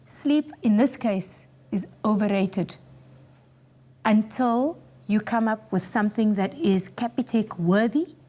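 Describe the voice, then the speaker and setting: A woman with a South African accent and a mid-pitched voice delivers critical feedback as a talent show judge. She is blunt and stern with the contestants. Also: warm tone.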